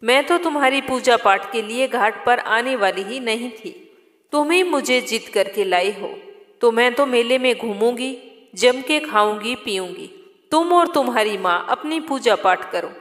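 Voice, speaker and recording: A woman's voice: on the high side, animated, a little slow, fairly bright tone. A woman voicing a defiant, scornful young daughter-in-law who speaks angrily and dismissively, in an echoey room with a long reverb. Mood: angry. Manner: angry, dismissive.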